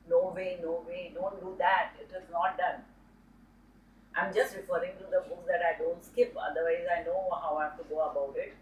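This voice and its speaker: A woman's voice: lowish voice, a little hiss or hum. A woman teaching a spoken tutorial, explaining step by step and often repeating herself. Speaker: dowsing teacher. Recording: roomy sound from a distant mic.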